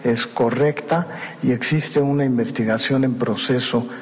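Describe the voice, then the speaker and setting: Formal official in an echoing hall. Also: male voice, mid-range voice, fairly even intonation. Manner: measured, formal. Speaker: government official. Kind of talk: official statement. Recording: reverberant hall, distant.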